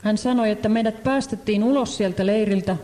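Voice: mid-range voice, mellow. An interpreter rendering a sermon live, hesitating often with fillers. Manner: hesitant, many fillers and restarts. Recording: echoey hall.

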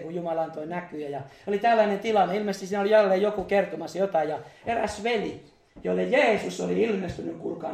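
Fervent and charismatic, a man preaches in a church meeting hall, crying out hallelujah and laughing between phrases. He speaks high with vocal fry and a darkish tone, and the room is echoey.

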